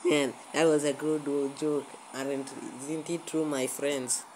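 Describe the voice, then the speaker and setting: In a level, mid-range voice that's a little mellow and a little slow, a woman casually comments on gameplay as a video creator, often repeating words and phrases. The rough, amateur audio comes from a handheld phone filming a screen and has faint background noise.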